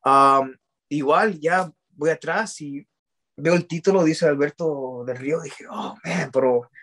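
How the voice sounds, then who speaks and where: A man's voice: on the high side, takes it slowly, a bit bright. A man, telling his story in a casual interview, often restarting and dropping English words into his speech.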